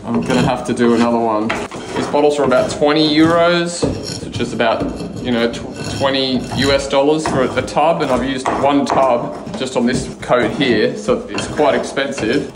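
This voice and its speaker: Chatty man renovating in an echoey house. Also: mid-range voice. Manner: chatty, frustrated, explains as he works. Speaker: home renovation vlogger. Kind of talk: casual self-filmed vlog. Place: empty house under renovation, indoors. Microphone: lapel mic, phone held at arm's length. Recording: echoey bare rooms with noise.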